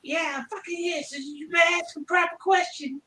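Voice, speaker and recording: A man voicing a shrill, spiteful, witch-like mocker who screeches profanities. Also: steady tone, moderate pace, pushed and bright, reverberant. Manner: profane, taunting.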